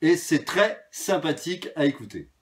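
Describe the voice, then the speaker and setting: A man's voice: fairly high pitch, sing-song, normal speed. A man presenting his vinyl records in a casual video, talking freely with many hesitations and fillers. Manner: chatty, hesitant with frequent fillers.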